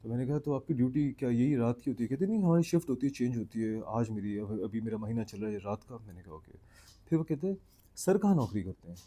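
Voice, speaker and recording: A man from Pakistan, telling a funny personal anecdote in a casual, animated way, acting out his friends' lines. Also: mid-range voice, quick pace. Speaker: storyteller.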